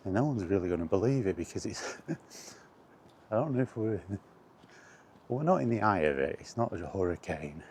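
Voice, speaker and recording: A low-pitched, darkish voice with lively intonation and a moderate pace belongs to a man vlogging on a windy outdoor path. His casual, rambling chat is self-deprecating and sprinkled with mild exasperated swearing, and the camera audio carries wind and outdoor ambience.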